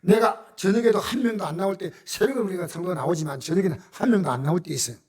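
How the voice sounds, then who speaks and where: A middle-aged man with a Gyeongsang accent preaching a sermon as a pastor in a church, swinging between loud cries and near-whispers. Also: sits high, quick pace. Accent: Gyeongsang Korean. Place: church sanctuary.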